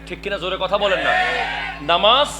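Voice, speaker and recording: In a roomy recording with background noise, a man with a high-sitting voice preaches an impassioned Bengali waz sermon at a moderate pace. His words build to fervent shouts as he calls on the crowd to respond.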